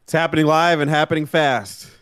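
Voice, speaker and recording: A man's voice: on the high side, steady tone, fairly quick, a bit bright, smooth, dry recording, clean studio sound. A man co-hosting a gaming podcast, teasing the others in playful banter. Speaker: podcast co-host. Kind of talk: casual chat.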